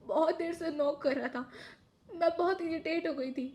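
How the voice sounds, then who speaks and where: A woman's voice: normal speed, darkish tone. A woman acting a short-tempered housewife in a short drama who scolds sharply and later turns tearful with remorse. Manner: scolding, shrill, then tearful.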